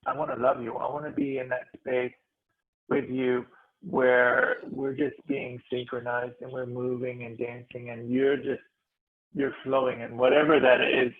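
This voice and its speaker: A man, a spiritual healer, telling a heartfelt story to a meditation group, animated and restarting his phrases. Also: medium pitch, creaky. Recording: tinny phone-like audio.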